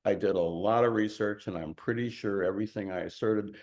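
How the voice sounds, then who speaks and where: A man's voice: fairly low pitch, a little fast, darkish tone. An older man from Chicago, a novelist giving an informal talk to an audience in a candid, self-deprecating and emphatic way. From Chicago, USA.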